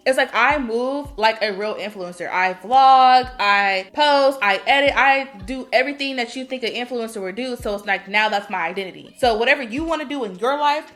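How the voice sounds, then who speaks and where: A woman's voice: a little high, normal speed, hardly any pauses, fairly bright tone, soft background music. A young woman from California giving chatty self-help advice in a vlog, full of quoted asides. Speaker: vlogger.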